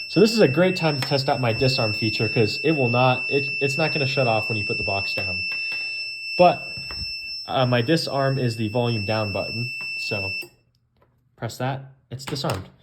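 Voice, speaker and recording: A man's voice: medium pitch, very noisy. A young man casually walking through his electronics project, informal and rambling, with fillers and trailing-off phrases. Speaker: hobbyist demonstrating an electronics project. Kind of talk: casual show-and-tell.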